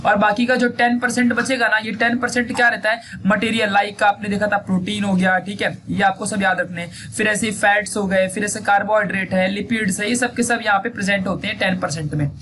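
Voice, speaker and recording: A young man teaches biology at speed in a high voice, quizzing his class and answering himself. He keeps repeating key terms and fills gaps with "theek hai." Faint background noise sits under his voice. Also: steady tone, a little fast, few pauses. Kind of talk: fast-paced classroom lecture.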